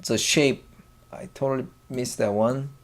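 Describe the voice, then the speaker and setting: A man teaching a language lesson, halting with many fillers and restarts, and sounding out syllables one by one. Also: medium pitch, steady tone.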